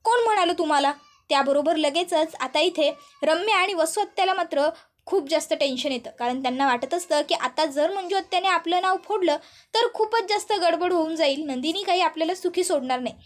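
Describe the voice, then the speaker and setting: A woman's voice: very high voice, fairly quick. A woman narrating a recap of a serial episode, retelling what each character says. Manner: storytelling, retelling each line.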